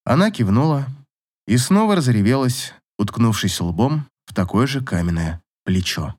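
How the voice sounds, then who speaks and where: A man reading an audiobook novel as narrator, in an expressive scripted style. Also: mid-range voice, moderate pace.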